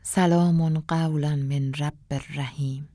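Brief: woman reading as a pious old village woman, low slow murmur, dry close sound. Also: steady tone, mellow, dry recording. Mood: reverent.

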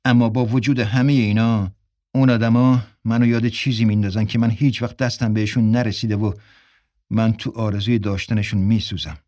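A man's voice: little pitch movement, warm tone, dry recording, clean studio sound, lightly acted. A man reading an audiobook, voicing a gloomy, defensive young man. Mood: wistful. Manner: gloomy, low-key.

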